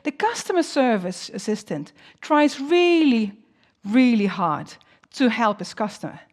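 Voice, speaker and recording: Animated, higher-voiced woman teaching, non-native English speaker. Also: a little slow. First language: not English. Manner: animated, encouraging, rhetorical questions. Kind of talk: teaching tips presentation.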